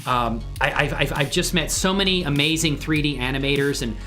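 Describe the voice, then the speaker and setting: Sharp and brisk, with a fairly high pitch, a man rambles enthusiastically and informally while hosting a casual livestream. He animates in 3D as a hobby, and there's light music audible under his voice.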